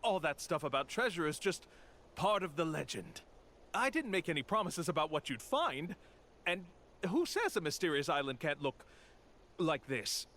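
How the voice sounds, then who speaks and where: An actor playing a slick, bold con-man tour guide in a game, talking smoothly and theatrically. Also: on the high side, sing-song, moderate pace, a bit bright, slight background noise. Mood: smug. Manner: smooth, theatrical, dramatic pronouncements. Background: game music.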